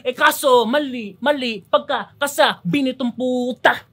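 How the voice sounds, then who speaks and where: Young male battle rapper; high, bright voice; mocking, punchy delivery. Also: a little slow, husky. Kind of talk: battle rap verse.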